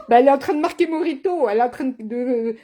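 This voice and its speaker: A woman's voice: high voice, warm tone, slight background noise. A woman running a live card-making tutorial as a craft demonstrator, chatty and teasing, speaking to viewers by name. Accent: has an accent, not named.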